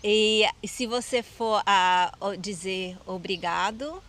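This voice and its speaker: Host: Brazilian woman, Brazilian Portuguese accent, relaxed chat, leads with questions. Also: medium pitch, slow. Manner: leads the talk by quizzing her guest. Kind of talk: casual chat.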